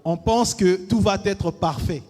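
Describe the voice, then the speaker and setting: A man with a notably high voice preaches in short bursts, stopping after each phrase so it can be interpreted. He repeats "amen" between points. His voice carries a long hall reverb. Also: a little slow, dark tone. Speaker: pastor. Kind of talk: sermon with live interpretation.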